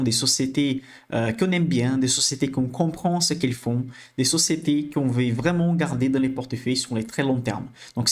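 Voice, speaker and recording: A man with a Brazilian accent hosts a live-streamed investing class, chatty and checking in with viewers as he explains. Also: mid-range voice. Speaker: financial educator hosting a live stream.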